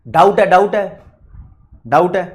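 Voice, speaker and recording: A man's voice: high voice, animated, unhurried. A man with an Indian accent teaching an online exam-prep lecture, chatty and repetitive, talking straight to his students. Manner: chatty, repetitive, mixes English terms into Hindi; addresses students directly, reads their questions.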